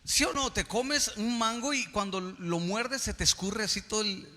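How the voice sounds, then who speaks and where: Bright-voiced pastor preaching in a reverberant hall. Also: male voice, high-pitched, moderate pace, a little hiss or hum. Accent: Mexican Spanish. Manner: emphatic preaching, swings from soft to loud. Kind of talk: sermon. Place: church hall.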